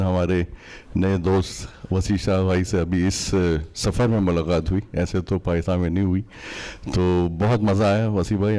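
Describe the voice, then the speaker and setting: A man giving a passionate fundraising speech, building to loud, preaching peaks. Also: low voice. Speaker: event host and charity speaker.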